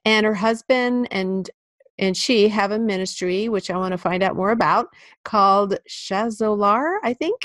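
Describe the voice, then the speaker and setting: A woman's voice: medium pitch, a little slow, a bit bright, no echo. Earnest woman podcast host, dry close mic. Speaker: podcast host, life coach. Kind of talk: podcast hosting.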